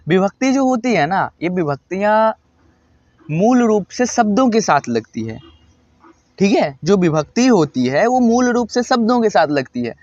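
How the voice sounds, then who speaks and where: A man's voice: on the high side, no echo. A man teaching Sanskrit grammar to students, patient and repetitive, often checking in with his listeners. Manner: patient, repeats points, frequent "thik hai" check-ins. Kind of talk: explaining lesson to students. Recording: dull lo-fi dry sound.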